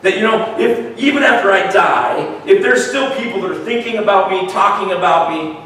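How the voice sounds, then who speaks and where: A man's voice: high voice, moderate pace, a bit bright. Thin, weak-voiced male preacher in echoey room. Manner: repeats words and seeks agreement with "right?". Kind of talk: conversational sermon. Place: large echoey room, worship gathering. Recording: echoey room, distant mic, faint noise.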